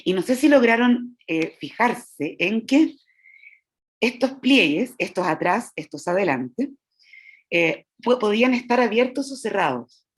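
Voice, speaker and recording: Woman, voice teacher, patient explainer, mid-pitched, demonstrates sounds. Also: expressive, measured pace, slightly rough. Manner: explanatory, checks in with "¿ya?". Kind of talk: lecture to teachers.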